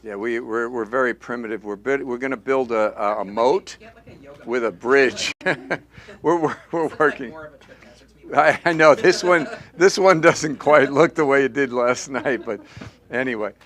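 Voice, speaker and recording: A man coaching a live acting class speaks emphatically and repetitively, drilling students to repeat key phrases in punchy call-and-response teaching. His mid-range voice has a fairly bright tone and a measured pace.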